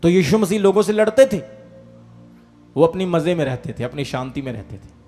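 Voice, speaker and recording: A male pastor preaching at a live church meeting, calling on the crowd to shout hallelujah and amen and telling little stories about his listeners' lives. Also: a little high, lively intonation, moderate pace, soft background music. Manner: tells quoted exchanges and a village anecdote. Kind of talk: sermon.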